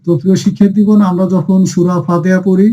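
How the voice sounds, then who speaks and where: A man leads a lesson on Arabic letters, asking a question and then answering it himself with the same sound over and over. His voice sits high yet sounds mellow, and his manner is patient. The recording is dull and lo-fi. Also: little pitch movement, quick pace. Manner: drills letters by call and answer, repeating each sound; patient, addresses dear students often. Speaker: Quran reading teacher.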